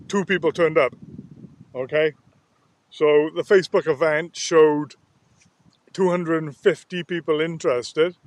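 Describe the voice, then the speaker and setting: A man's voice: fairly high pitch, a little hiss or hum. A man talking candidly while walking outdoors on a nature reserve, a little out of breath from the walk. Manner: rambling, candid, downbeat. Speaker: sound therapist vlogger. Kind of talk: walk-and-talk vlog. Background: faint outdoor ambience.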